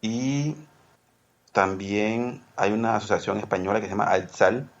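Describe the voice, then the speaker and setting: Gravelly, low man on a lo-fi line. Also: measured pace. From Peru. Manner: rambling, self-correcting, laughs easily. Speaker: guest. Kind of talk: casual podcast interview.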